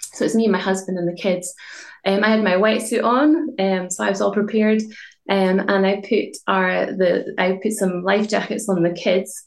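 A woman in her forties with a Highland Scottish accent, giving a conversational, reflective personal account in an interview. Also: gravelly, roomy sound. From Inverness, Scottish Highlands. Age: 40s. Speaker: rescued paddleboarder telling her own story.

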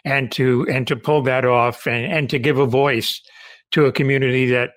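A man from Cuba hosting an interview, speaking in a friendly, slightly halting way. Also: mid-range voice, steady tone, a bit bright, no echo. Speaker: interview host. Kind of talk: casual interview chat.

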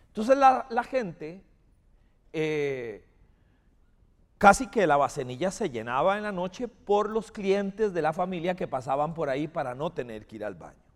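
A man's voice: fairly high pitch, in a large hall. A man preaching a sermon, telling a personal story and leading prayer, calling on listeners to say amen. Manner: animated storytelling, calls for amens. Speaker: pastor.

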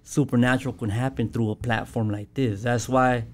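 A man speaking as a podcast guest in a casual, personal way, halting and searching for words in loose slang. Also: mid-range voice, steady tone. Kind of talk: casual chat, personal testimony.

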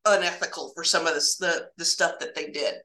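A woman casually tells spooky stories from her hospital laboratory work, halting and repeating words as she goes and acting out bits of dialogue. Her voice sits low with a sharp tone, and the sound is reverberant.

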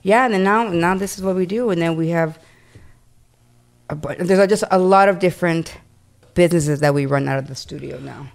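Chatty young Canadian woman, smooth voice. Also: fairly low pitch, fairly quick. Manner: chatty, lots of "like" and "um" fillers. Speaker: guest, realtor and studio owner. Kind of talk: casual interview chat.

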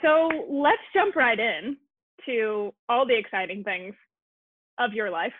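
Young female host from Colorado, chatty and self-mocking; higher voice, dry, phone-like sound. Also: expressive, no room sound. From Colorado, USA. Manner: chatty, quick, self-deprecating. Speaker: podcast host. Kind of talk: casual chat. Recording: tinny phone-like call audio.

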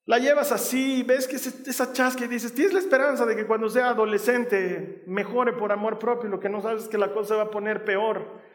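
A man delivers a sermon in a very high voice. He poses rhetorical questions and rises to loud, fervent stretches. The sound rings with the long reverb of a large hall. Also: fairly even intonation, brisk. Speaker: preacher.

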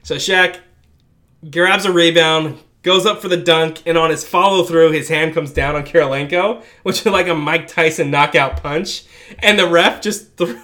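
Man, fairly high voice, podcast co-host, animated storyteller who laughs a lot. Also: normal speed. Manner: animated, laughing, recounts sports clips with asides. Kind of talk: casual storytelling chat.

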